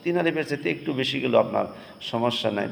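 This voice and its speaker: A man teaching Quran recitation in a religious lesson, breaking the verses into slow, drawn-out chanted phrases. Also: mid-range voice, animated, vocal fry, big-room sound, a little hiss or hum.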